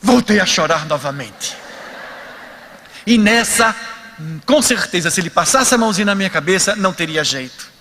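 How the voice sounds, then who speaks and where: A man from Recife, giving a spiritist talk as a vivid, theatrical storyteller who moves between hushed and loud delivery. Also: sits high, animated, normal speed, pauses often, big-room sound. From Recife, Brazil. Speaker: spiritist speaker. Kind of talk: dramatic storytelling lecture.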